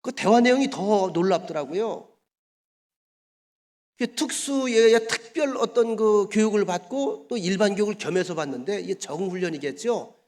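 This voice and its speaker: High-voiced preacher in an echoey church. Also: male voice, expressive, moderate pace, darkish tone. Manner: colloquial, rhetorical questions to the congregation. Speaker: pastor. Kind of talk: sermon. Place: church sanctuary.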